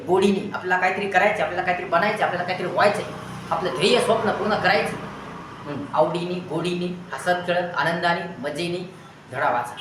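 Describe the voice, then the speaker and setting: A man's voice: sits high, a bit bright, slight background noise. A man teaching, giving students an earnest motivational talk in long repeated lists of advice. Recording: very echoey room with faint ambience.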